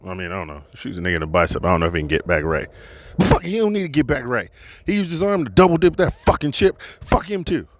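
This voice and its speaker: A man's voice: mid-range voice, fast talker, a little hiss or hum. Man on a wild profane rant. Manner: crude, animated, swearing. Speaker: segment ranter.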